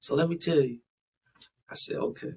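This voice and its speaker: A man's voice: on the high side, huge pitch swings, moderate pace, vocal fry, a little mellow, husky, poor audio. A man hosting a casual podcast, slangy and rambling, with many restarts. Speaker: podcast host.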